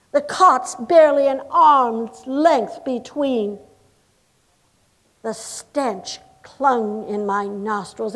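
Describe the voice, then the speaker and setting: Playing the earnest wife of an 1860s governor, an actress speaks in a high voice during a live historical reenactment. She tells of her cause in the first person, her oratory solemn and impassioned, her pace slow and deliberate as she emphasizes each grim detail.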